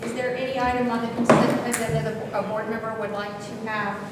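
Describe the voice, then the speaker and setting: A woman chairing a school board meeting, running the agenda briskly with joking asides. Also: a little high, completely flat delivery. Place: large meeting room. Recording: echoey hall from far off, noisy.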